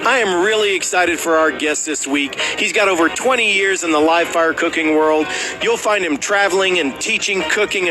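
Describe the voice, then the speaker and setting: A man's voice: a little high, poor audio. A man hosting a radio show in a conversational interview style.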